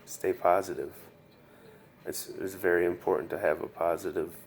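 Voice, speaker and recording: A weary, subdued man freshly out of surgery, earnestly giving advice in a casual video diary, halting and repeating himself, recorded in a hospital room. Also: sits low, steady tone, gravelly. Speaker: patient sharing his recovery story. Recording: noticeable background room noise.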